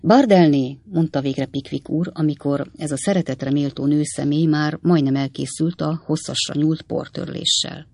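A measured audiobook narrator reading a classic novel aloud. The voice has a gravelly edge. It is recorded dry and close, with no room sound. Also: mid-range voice, steady tone, no echo.

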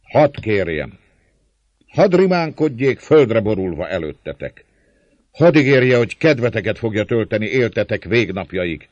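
A man voicing a coarse, mocking male friar who taunts a captive noblewoman, his voice raised, loud and sneering. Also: lowish voice, sing-song, no room sound, pitched above the performer's own voice. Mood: taunting. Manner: taunting, gloating, sneering mockery. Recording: dull lo-fi, dry sound.

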